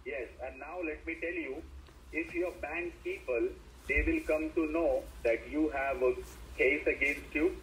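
A man's voice: a little high, steady tone, measured pace, fairly bright tone, slight background noise. A man on a phone line giving repetitive, insistent instructions in an official role. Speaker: phone scammer posing as an official. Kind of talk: scripted-sounding phone instructions.

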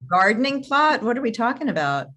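A woman's voice: fairly high pitch, sing-song, brisk, bright, forceful tone. A woman hosting a morning TV segment, playful and curious, asking follow-up questions in casual chat. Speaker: morning TV host.

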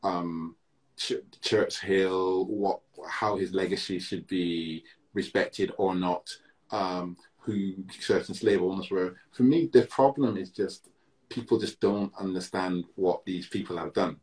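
A deep, low-voiced man from Britain talks things through slowly on a video call from a room at home. He circles back and restarts his thoughts, filling gaps with "you know" as he works out each point. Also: steady tone, a little mellow. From Britain, Barbadian heritage. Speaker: interview guest, musician. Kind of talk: reflective conversation.

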